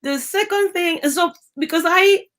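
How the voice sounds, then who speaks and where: This guest is a middle-aged biologist from Venezuela, a native Spanish speaker whose accent is Venezuelan, telling stories at a moderate pace in a conversational interview. Her voice is very high-pitched and lively; she performs the voices of people she quotes and often starts sentences over.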